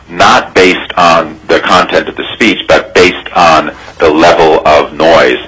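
A very low-voiced man testifies in a measured, legalistic way. His voice is bright and forward, with a husky edge. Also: poor audio. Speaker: witness testifying. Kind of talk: formal testimony.

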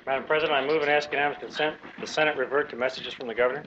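A man's voice: medium pitch, fairly even intonation, very fast. An American man speaking as a majority leader, making formal parliamentary motions to the chair. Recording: dull lo-fi recording, clear background noise.

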